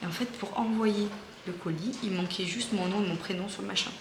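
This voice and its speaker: A woman's voice: mid-range voice, brisk. Chatty woman vlogging in an echoey room. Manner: chatty storytelling with many fillers. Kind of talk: casual vlog chat. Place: family home. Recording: echoey room with background noise.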